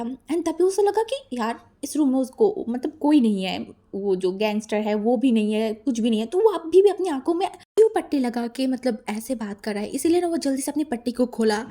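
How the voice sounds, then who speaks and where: A woman's voice: a little high, warm tone. A woman telling a fan-fiction story in a chatty, repetitive way, mixing in English words.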